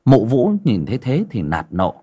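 A man narrating a ghost story in an expressive storytelling way. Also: fairly low pitch, moderate pace, husky. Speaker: audiobook narrator.

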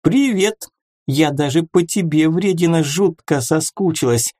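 A man reading an audiobook and voicing a chattering, cheeky female fairy who talks fast and excitably. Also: no room sound, clean studio sound. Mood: excited chatter. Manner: rapid, excitable, squeaky.

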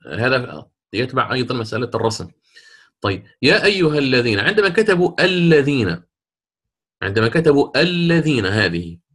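A man's voice: mid-range voice, a bit bright. A man teaching a class, explaining patiently with rhetorical questions and frequent restarts. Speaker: Quran recitation teacher. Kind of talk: classroom lecture.

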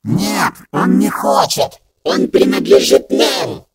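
A man voicing a pack of small spiteful demons in an audiobook, in a raspy, hoarse whisper. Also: fairly high pitch, sing-song, dry recording, soft background music, voice pushed up, full character voice. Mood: snarling. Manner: slow, pleading then defiant. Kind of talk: audiobook reading.

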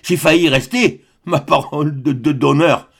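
A man's voice: high voice, expressive, measured pace, fairly bright tone, voice pushed up, full character voice. A man voicing a timid, flustered middle-aged husband who stammers and pleads.

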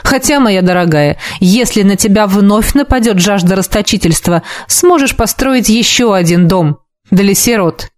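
A woman reading an audiobook, voicing a sardonic male dark mage who teases his ward in a lordly, mocking manner. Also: medium pitch, lively intonation, normal speed, dry recording, close to an everyday voice. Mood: teasing.

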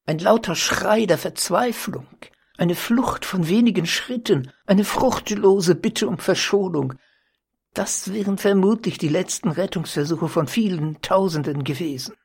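A reader narrating an old crime story as an audiobook, in a measured, deliberate storytelling manner. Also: mid-range voice, creaky, slightly rough. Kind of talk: audiobook reading.

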